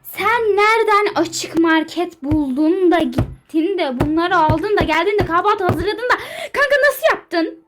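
A woman's voice: very high-pitched, lively intonation, measured pace, fairly bright tone, faint music behind, exaggerated voice. A woman voicing Sanfi, a sleepy and grumpy young woman friend in a game role-play, who grumbles and complains in a drowsy, baffled way.

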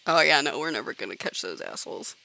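A woman's voice: rumbling low, sing-song, fast, vocal fry, pushed and bright, rough recording. A woman hosting a casual gaming let's-play, giggling often and swearing freely as she chats. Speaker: gaming channel host.

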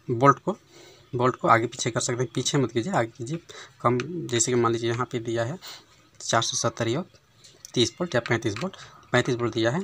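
Man, TV repair tutor, chatty and relaxed, phone mic over the bench, faint hiss. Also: medium pitch. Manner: conversational, keeps adding "है ना" and "दोस्तों". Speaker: TV repair instructor. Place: workshop bench, voice behind handheld phone camera.

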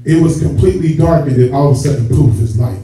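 Talking fast in a medium-pitched, dark voice with faint music behind him, a church elder preaches to his congregation conversationally and directly, drawing out key words for emphasis. The sanctuary has a stage and rows of seats. A camera far at the back of the hall records him, so the sound is echoey, muffled and noisy.

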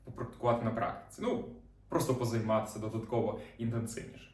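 A male teacher leads a beginners' lesson in a calm, patient way. He repeats example words slowly so learners can follow. He sits off the mic, so the room's echo carries his voice. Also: lowish voice, distant mic. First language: Ukrainian. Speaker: German teacher. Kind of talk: lesson explaining reading rules. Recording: roomy, off-mic sound.

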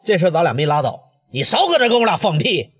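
A man's voice: quick pace, slightly rough, big-room sound, exaggerated voice. A man playing a stern, protective Northeastern gang boss. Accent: Northeastern Mandarin. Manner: low and steady, turning fierce. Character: respected gang leader, adult male, protective, hot-tempered.

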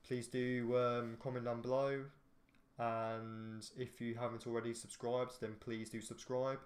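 A gaming YouTuber, tired and yawning, rambles hesitantly through casual commentary on a driving game, often restarting what he's saying. His voice is mid-range, flat, and unhurried. Faint background noise and an echoey room come through in the recording.

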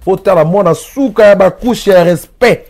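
Guy answering interview questions, kinda high voice but mellow, rambles on. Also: measured pace. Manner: animated, rambling, switching between languages. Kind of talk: casual interview in Lingala mixed with French.

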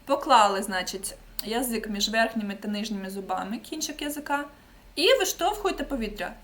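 Patient woman teaching pronunciation, fairly high. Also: animated, fairly bright tone. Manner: patient, demonstrates sounds slowly, checks in with "okay?". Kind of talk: online pronunciation lesson.

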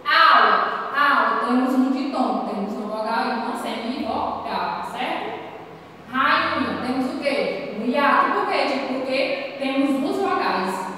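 A woman's voice: high voice, animated, a little slow, pushed and bright, slight background noise. A Brazilian woman teacher giving a grammar lesson, asking questions and answering them herself. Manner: asks and answers her own questions, repeats "temos o quê". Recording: echoey distant room recording.

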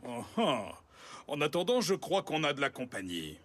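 A man's voice: on the high side, huge pitch swings, normal speed, fairly bright tone, a little hiss or hum, exaggerated voice. An actor playing a proud, vain, lovesick strongman in an anime dub, with pompous, mannered politeness. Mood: courtly, proud.

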